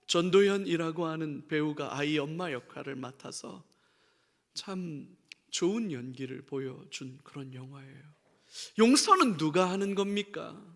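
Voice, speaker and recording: A man's voice: a little high, animated, unhurried, creaky, fairly bright tone, big-room sound. A middle-aged male pastor preaching a sermon, questioning the congregation and acting out the voices he quotes. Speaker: senior pastor. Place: church sanctuary.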